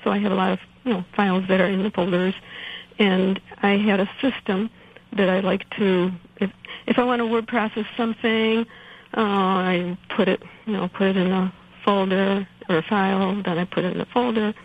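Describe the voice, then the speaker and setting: A woman calling in to a radio show, hesitant and nervous, filling her pauses with ums and uhs. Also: mid-range voice, fairly even intonation, narrow, tinny audio. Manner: hesitant, many fillers, nervous. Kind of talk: casual call-in question.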